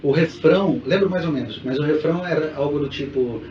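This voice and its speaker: A man co-hosts a casual podcast and explains things in a relaxed way, often laughing. His voice is a little high. The recording is dull, roomy and distant, with faint background noise. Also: a little fast. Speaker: podcast co-host. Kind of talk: casual chat. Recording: echoey room, distant mic, dull sound, faint noise.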